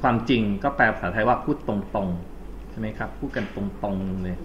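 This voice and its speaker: A man's voice: fairly low pitch, normal speed. A Thai-accented man teaching an exam-prep English lesson, talking chattily, correcting himself and slipping English terms into his explanations. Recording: slightly dull recording with faint background noise.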